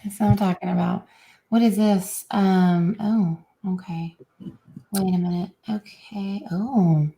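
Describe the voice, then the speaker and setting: A woman's voice: mid-range voice, fairly even intonation, takes it slowly, creaky, mellow. A woman hosting a casual live stream, flirty and reacting with lots of exclamations.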